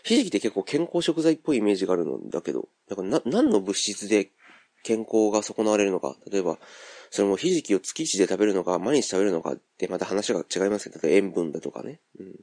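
A man's voice: lowish voice, very animated, fast, mellow, dry recording, clean studio sound. A man with a Kansai accent hosting a podcast, thinking aloud in a rambling, casual monologue full of fillers. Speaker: podcast host.

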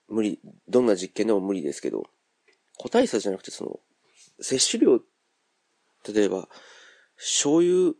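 A Kansai man hosts a solo podcast in a low, gravelly voice. His pitch swings widely as he muses aloud, circling back with fillers. The sound is dry and close, with no room around it. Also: a little mellow, no room sound. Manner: rambling and musing, thinks aloud with many fillers. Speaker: podcast host. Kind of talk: casual solo monologue.

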